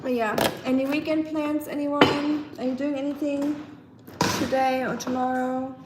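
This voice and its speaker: While washing dishes in her home kitchen, a young German-accented woman chats casually with her live stream viewers. Her voice sits high, and her delivery is flat and a little slow. The very noisy audio is full of clattering dishes and cutlery.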